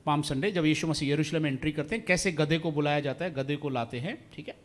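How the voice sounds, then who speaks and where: A male pastor from India preaching a sermon in a church, mixing in English phrases and asking the congregation questions. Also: fairly high pitch. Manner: animated, asks the congregation questions.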